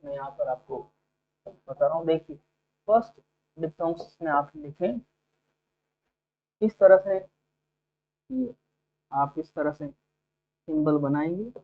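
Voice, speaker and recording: A man's voice: a little high, slow pace, long pauses, clear, resonant tone. A male teacher giving a phonetics lesson to exam students, explaining step by step and checking in with frequent "okay?" tags. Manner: explains step by step, often asks 'ठीक है' and 'है ना'. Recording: tinny phone-like sound.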